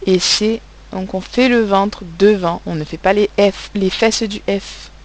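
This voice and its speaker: A woman's voice: medium pitch, fairly even intonation, unhurried. A woman teaching young children spelling and handwriting, speaking patiently and spelling out letters and sounds, with a French accent.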